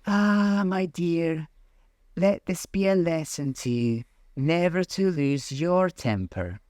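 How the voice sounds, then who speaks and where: Man putting on a high, preachy old mother crab. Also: slow, a little mellow, dry recording, studio quality. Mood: admonishing. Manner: moralizing. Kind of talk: storybook reading.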